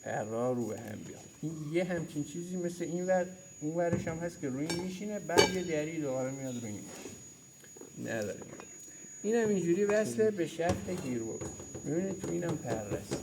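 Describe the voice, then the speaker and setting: A mechanics instructor with a gravelly, expressive, rather high voice teaches a hands-on lesson in an auto repair workshop. He points at parts and repeats the key terms over a noisy background.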